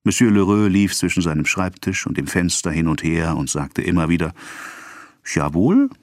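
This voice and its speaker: A man reading literary prose aloud in a measured, even storytelling manner. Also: deep voice, dry recording, clean studio sound. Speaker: audiobook reader. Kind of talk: scripted literary narration.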